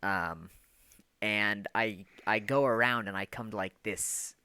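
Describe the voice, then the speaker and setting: A man's voice: lowish voice, takes it slowly, sharp tone, smooth, dry recording. A man co-hosting a casual podcast, telling a long story in a rambling way, full of fillers and the odd swear word. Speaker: podcast co-host. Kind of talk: casual chat.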